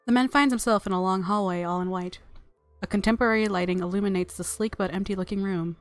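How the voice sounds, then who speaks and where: Over soft game music, a woman hosts a casual let's play, rambling, poking fun at herself, and now and then reading the game's text aloud. Her medium-pitched voice moves fast, and there's no room sound at all.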